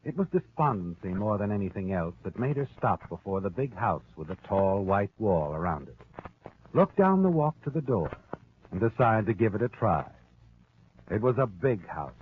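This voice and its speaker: An actor playing a sinister, all-knowing storyteller in a theatrical 1940s radio mystery style. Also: male voice, sits low, sing-song, moderate pace, a little hiss or hum. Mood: wry, brooding narration. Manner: ominous, theatrical. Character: the Whistler, sinister omniscient male storyteller of dark secrets. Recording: tinny band-limited old radio broadcast with music. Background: dramatic music.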